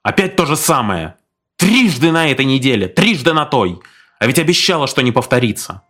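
A man's voice: medium pitch, big pitch swings, normal speed, fairly bright tone, pitched above the performer's own voice. A man reading an audiobook, voicing a jealous, tormented husband who snarls and sneers. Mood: furious. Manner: snarling, sarcastic.

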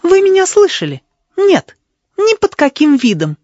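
A man voicing a proud, fiery young woman in a high, indignant tone. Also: huge pitch swings, unhurried, a little mellow, no room sound, muffled recording, exaggerated voice. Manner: haughty, indignant, shrill.

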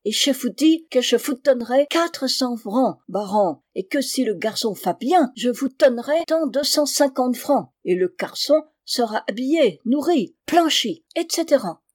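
A woman voicing an eager, scheming middle-aged German man who wheedles and chuckles high. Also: animated, unhurried, few pauses, darkish tone, dry recording, studio quality. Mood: wheedling.

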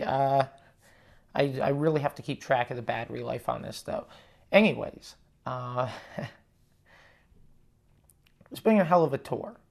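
A man hosting a casual solo podcast, rambling and halting with frequent swearing, recorded on a lav mic in an echoey room. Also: mid-range voice, gravelly. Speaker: podcast host and touring stand-up comedian. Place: condo room, indoors. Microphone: lavalier plugged into portable recorder.

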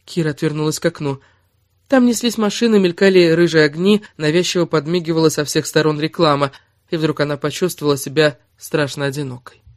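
A man narrating an audiobook in a steady, expressive storytelling manner. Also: fairly high pitch, fairly quick, dry recording, studio quality. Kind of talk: scripted narration.

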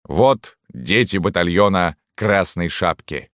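A gruff, soft-hearted old sergeant, as a man voices him in an audiobook, blunt and grumbling. The voice is deep and low. It is recorded close and dry. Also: lively intonation, slow pace, no echo, heavily acted. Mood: rallying.

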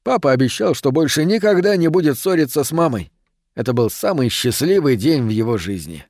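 A man reading an audiobook in a steady, measured narration. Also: mid-range voice, no room sound, studio quality. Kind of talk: scripted narration.

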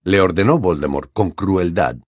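A man reading a fantasy novel aloud with dramatic, expressive narration. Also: low voice, moderate pace, breathy edge, no echo. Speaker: audiobook reader.

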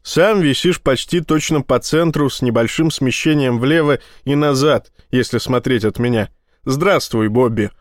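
An unruffled, gently mocking fleet admiral, as a man reading a story puts him on, speaking evenly and a touch higher than plain narration. The sound is dry and close. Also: normal speed, no echo, natural voice. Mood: calm. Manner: calm, lightly mocking. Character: calm, teasing male fleet admiral.

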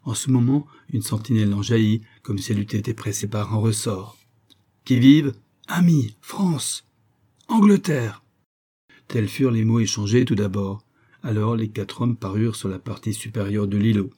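A man reading a classic novel aloud as an audiobook narrator, plain and steady, with little change of voice for quoted dialogue. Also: fairly low pitch, a little fast, breathy edge.

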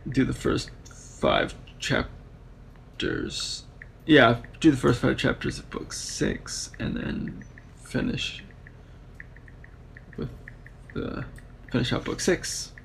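A man with a deeply gravelly, fry-heavy voice talks through a book in loose, rambling chat. He often trails off and restarts mid-thought, and a faint hiss sits behind him. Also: wildly swooping pitch, slow pace, pauses often, a bit bright. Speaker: podcast co-host. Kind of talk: casual chat about a book.

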